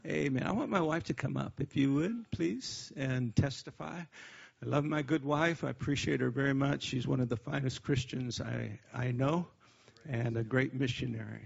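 A man's voice: mid-range voice, normal speed, creaky, slightly rough, highs cut off. A man preaching a sermon as a missionary, folksy and joking, with frequent amens and praise Gods. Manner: folksy, joking, peppered with "amen" and "praise God". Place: church service.

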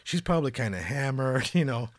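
Male comedy talk host: animated, mock-official, casual news banter, dry studio sound. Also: medium pitch, brisk, no room sound. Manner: jokey, mock-official, chuckles often.

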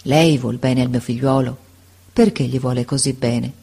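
A woman voicing a sad, tender middle-aged father who speaks in a hushed, affectionate way, in a storybook reading. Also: low voice, little pitch movement, unhurried. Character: sad, gentle, guilt-laden father, middle-aged man.

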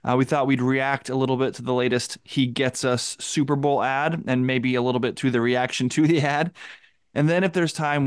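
A man's voice: mid-range voice, clear, resonant tone, dry recording, studio quality. A man hosting a podcast as a pastor, orderly and articulate, moving between prepared introductions and casual talk. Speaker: podcast host and Anglican pastor. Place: basement.

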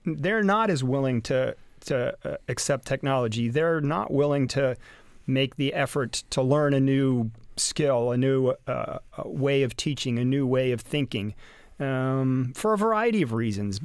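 A man in a radio interview representing a university. He rambles and restarts his sentences often. The recording is close and dry, with his voice in a middle pitch. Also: animated, a little slow, no echo. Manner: rambling, many fillers and restarts.

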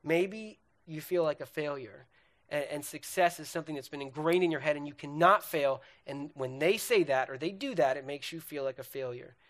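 A man's voice: a little high, normal speed, fairly bright tone. A young man with a slightly raised voice gives an earnest sermon on relationships. He talks in a loose, conversational way, addressing the listeners directly and checking in with them often. He names feelings and questions one after another. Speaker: speaker on relationships.

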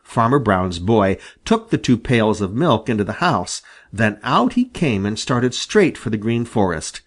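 Lively male storybook narrator. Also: on the low side. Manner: lively, expressive reading. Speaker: audiobook reader.

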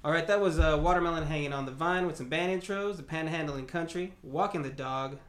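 A man's voice: a little high, a little fast, fairly bright tone. A man co-hosting a podcast with playful, teasing banter. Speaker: podcast co-host. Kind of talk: casual chat. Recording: roomy echo.

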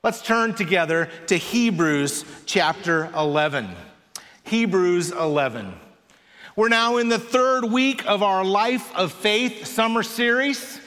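A man preaching a sermon in a church in an unhurried, conversational way with dry touches of humor. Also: high-pitched, expressive, fairly bright tone. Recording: long reverb of a large hall.

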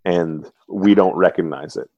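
A man co-hosting a casual podcast, with dry, deadpan humor. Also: deep voice, measured pace, highs cut off. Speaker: podcast co-host.

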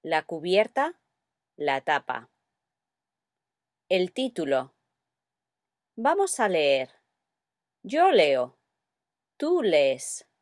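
A woman teaching small children in a gentle, soothing, sing-song way, repeating simple phrases. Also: fairly low pitch, big pitch swings, drawn-out words, long pauses, dry recording, studio quality. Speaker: early-learning teacher for toddlers.

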